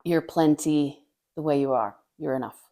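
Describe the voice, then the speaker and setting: Sitting at a table in a bright, art-filled living room, a low-voiced Finnish woman in her thirties, an artist, fields rapid questions in a casual interview. A camera across the table captures her earnest, thoughtful answers and the small laughs she warms into.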